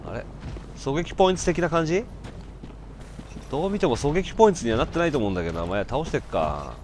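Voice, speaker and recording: Guy doing game commentary, voice jumps all over, mutters then yells, faint hum behind. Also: fairly high pitch, big pitch swings, fast. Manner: jumpy, loud outbursts between muttered asides. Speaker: let's play commentator. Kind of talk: casual gameplay commentary.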